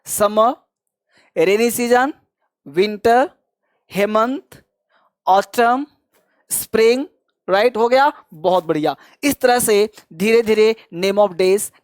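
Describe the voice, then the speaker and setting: A man's voice: sits high, no echo, clean studio sound. A man teaching spoken English, repeating each word over and over and urging listeners to say it back, with encouraging praise. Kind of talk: pronunciation drill lesson.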